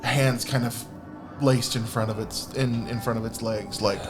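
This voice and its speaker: A man's voice: medium pitch, steady tone, measured pace. A man narrating as game master of a tabletop game, rambling and restarting, full of "like". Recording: background music.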